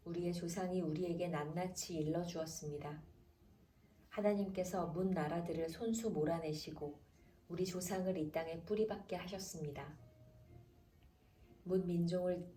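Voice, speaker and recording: A woman announcer reading the Bible aloud in a calm, measured way, slowing down for the chapter headings. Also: lowish voice. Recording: roomy echo, distant from mic, faint background noise.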